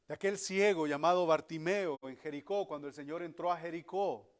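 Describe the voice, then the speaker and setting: A man's voice: on the high side, fairly quick. A man preaching a sermon as pastor, emphatic, acting out the voices he quotes.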